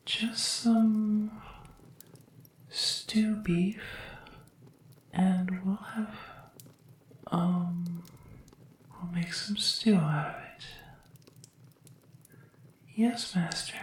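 A woman's voice: lowish voice, fairly even intonation, extremely slow, long pauses, heavy reverb, far from the mic. Woman whispering as an otherworldly devoted servant. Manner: whispering, hesitant, formal and deferential. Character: devoted formal female servant from another world. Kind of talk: whispered ASMR roleplay.

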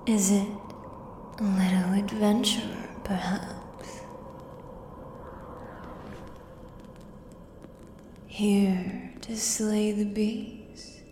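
A woman's voice: medium pitch, dark tone. A woman in an ASMR role-play, voicing a menacing female axe-wielding beast with a predatory, taunting beast-man drawl. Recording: echoey cavern-like reverb, audible background noise.

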